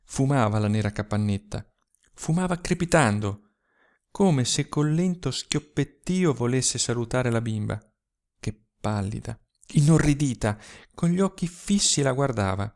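A man narrating a literary short story aloud, reading expressively and dramatically with slow, emphatic pauses. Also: mid-range voice, animated, a little mellow. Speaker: audiobook narrator.

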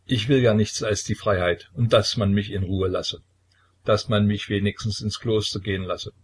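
A man voicing a despairing young tsarevich who mourns in a sighing lament, with a low, husky voice. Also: steady tone, normal speed.

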